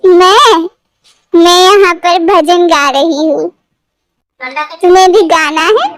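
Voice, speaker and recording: A woman voicing a tipsy, sulky young woman in love, reading a fan fiction story aloud, with pouty, drawn-out lines. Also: extremely high pitch, a bit bright, no room sound, heavily acted.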